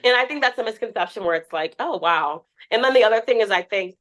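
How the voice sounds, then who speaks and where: Talking fast in a slightly high voice, a twenty-something TikTok creator chats candidly as a podcast guest. The casual interview is full of animated storytelling where she performs the quotes.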